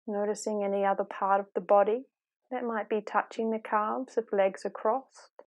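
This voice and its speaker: Speaking calmly and gently at a medium pitch, a woman leads a meditation. Her soft instructions come without hurry, separated by long pauses.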